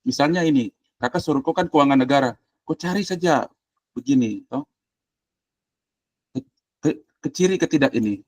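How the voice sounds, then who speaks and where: A man tutors students in a relaxed, directive way, often trailing off as he searches his screen. His voice sits in an ordinary middle pitch. The sound is dry and close, like a laptop mic on a video call. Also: normal speed, long pauses, no echo. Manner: blunt, directive, colloquial, thinking aloud while clicking. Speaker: university lecturer. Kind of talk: informal screen-share tutoring.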